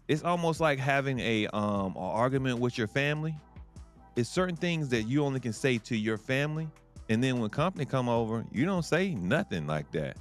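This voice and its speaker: A man co-hosting a casual commentary show, talking in a measured, earnest, conversational way. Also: mid-range voice. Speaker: co-host.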